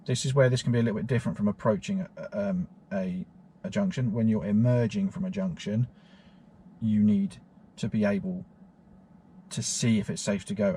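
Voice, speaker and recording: A man explaining driving technique as an instructor from inside a car, in a steady, repetitive teaching manner with frequent fillers. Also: lowish voice, a little hiss or hum.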